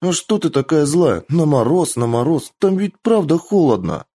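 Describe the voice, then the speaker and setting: Storybook casting: man doing a cheeky young fox-spirit girl, high and bouncy, singsong and eager. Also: very animated, moderate pace, mellow, slightly rough. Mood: teasing. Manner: bubbly, singsong, childishly eager.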